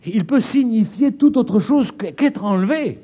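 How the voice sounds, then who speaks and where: A man's voice: animated, a little slow, husky, highs cut off. A man from France preaching a sermon in a French accent, stressing key words emphatically and stretching them out. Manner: emphatic, stretching key words, wide swings in pitch and loudness.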